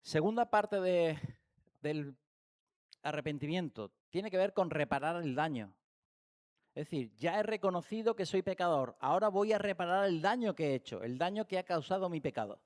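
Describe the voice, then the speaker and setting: Lively Spanish-accented man teaching at church. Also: high-pitched, moderate pace. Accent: Spain Spanish. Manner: animated, rhetorical questions, acts out everyday examples. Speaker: Bible study teacher. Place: church hall.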